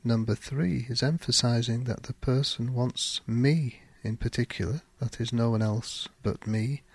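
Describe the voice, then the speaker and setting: A man teaching English pronunciation on his podcast, speaking very slowly and deliberately. His voice is gravelly and a little husky. It sounds dry and close, with no room echo. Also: mid-range voice, steady tone. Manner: deliberate, clearly spaced delivery with example sentences. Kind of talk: slow, careful teaching monologue.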